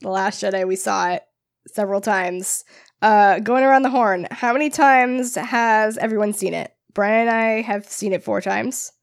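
A woman co-hosting a podcast with a scratchy, hoarse voice, easygoing and quick to laugh. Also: medium pitch, fairly even intonation. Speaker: podcast co-host. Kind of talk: casual podcast chat.

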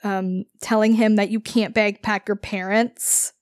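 A woman's voice: mid-range voice, flat delivery, measured pace, no room sound, clean studio sound. A woman co-hosting a podcast, recapping a book in a casual, rambling way full of fillers. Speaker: podcast co-host.

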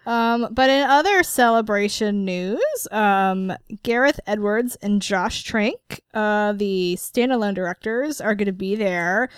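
A woman's voice: mid-range voice, slow pace, few pauses, clear, resonant tone, dry recording, clean studio sound. A woman co-hosting a podcast in casual chat, sarcastic and laughing often. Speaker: podcast co-host.

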